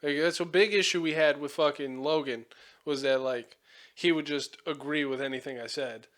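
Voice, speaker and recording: A man's voice: on the high side, steady tone, moderate pace, fairly bright tone. A young man hosting a casual podcast chat, rambling with lots of fillers and frequent swearing. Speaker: podcast host.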